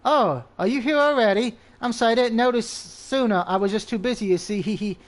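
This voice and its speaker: A man's voice: extremely high pitch, a little fast. A man reading the part of a playful woman witch with a sing-song manner. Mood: teasing.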